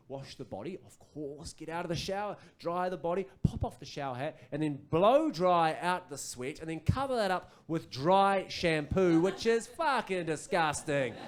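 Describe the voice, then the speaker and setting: A man with a New Zealand accent performing a stand-up comedy set on a club stage, telling stories and acting out other people's voices. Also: on the high side. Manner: animated storytelling, acts out voices.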